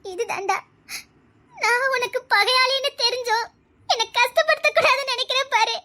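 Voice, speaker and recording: A woman's voice: very high-pitched, normal speed, pushed and bright. A woman with a Tirunelveli Tamil accent playing a stubborn, devoted young woman in a comedy skit, pleading and teasing. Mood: tender. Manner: tearful pleading turning to playful teasing. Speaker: lead character in a comedy skit. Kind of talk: melodramatic skit acting.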